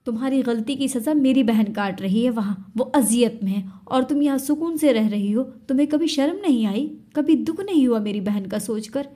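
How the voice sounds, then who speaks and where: A woman's voice: a little high, animated, normal speed, hardly any pauses. A woman voicing a furious young man who hurls bitter accusations in an Urdu audio story. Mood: angry. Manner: shouting, bitter reproach.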